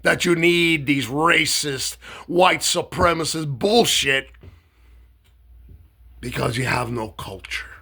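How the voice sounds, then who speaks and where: A man from Miami giving a blunt, mocking, swear-heavy political rant to camera, loose and halting with fillers when he explains himself. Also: fairly high pitch, creaky, sharp tone, breathy edge. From Miami, Florida. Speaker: political satire vlogger. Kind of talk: profane political rant and monologue.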